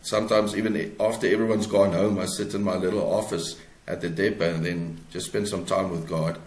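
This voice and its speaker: A South African author, appearing as a podcast guest, answers in a deep, slightly mellow voice with little pitch movement. He's conversational and reflective, picking through his phrases haltingly, in a clearly echoey room.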